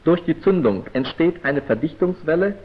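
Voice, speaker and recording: The narrator, a man in a 1940s training film, speaks at normal speed on a dull, muffled old soundtrack. Expect a husky, fairly high voice with lively pitch swings and a precise, clipped, formal manner of declaiming.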